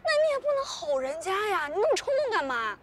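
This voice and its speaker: A woman's voice: very high-pitched, animated, rapid-fire, fairly bright tone, a little hiss or hum. An actress playing a polite, apologetic young female cashier in a TV drama. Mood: upset. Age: young adult. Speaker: shop cashier. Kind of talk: television drama acting. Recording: drama soundtrack with background music.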